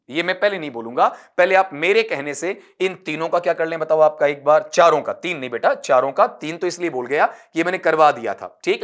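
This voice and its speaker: A man's voice: a little high, a bit bright. Man teaching phonetics, drilling sounds aloud. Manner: explains patiently, calls students "beta"; drills sounds slowly, one by one. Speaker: English teacher. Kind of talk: online exam-prep lecture. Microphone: recording from a desk for an uploaded class video.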